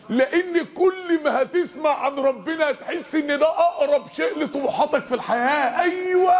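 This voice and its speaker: A man with an Egyptian accent giving an impassioned mosque lesson and speaking straight to his listeners. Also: very high voice. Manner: impassioned, addresses the crowd directly. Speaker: preacher.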